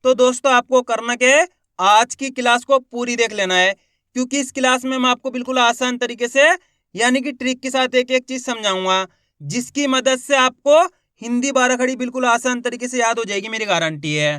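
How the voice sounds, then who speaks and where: A man's voice: extremely high pitch, pushed and bright, smooth, no echo. Emphatic man drilling syllables in a dry recording. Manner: emphatic, repeats assurances and calls the viewers 'friends'; drills syllables slowly, stretching long vowels. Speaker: Hindi teacher, channel host. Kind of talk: online beginner lesson.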